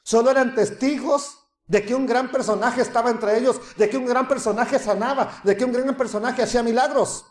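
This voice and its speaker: Male preacher, high voice, lively sermon delivery, mocking crowd impressions, hushed asides, roomy echo. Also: brisk. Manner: animated, acts out crowd voices with laughter, drops to soft hushed tones.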